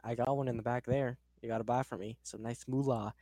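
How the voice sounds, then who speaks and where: A man voicing a pushy 1920s businessman selling cars, with fast salesman patter. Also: mid-range voice, fairly even intonation, mellow, no room sound, close to an everyday voice. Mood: smarmy.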